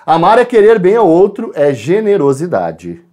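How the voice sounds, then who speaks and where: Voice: mid-range voice, wildly swooping pitch, mellow. A Portuguese teacher with a Brazilian accent goes over exam questions for a class, talks to the students directly, and spells out letters and sounds aloud. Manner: shifts between quick asides and slow stressed words. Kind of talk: recorded exam-correction class.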